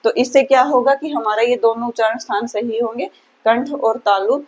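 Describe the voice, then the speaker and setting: A woman's voice: fairly high pitch, normal speed, rough recording. A woman teaching Sanskrit grammar for an exam, often asking her own questions and answering them. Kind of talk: exam-prep lesson.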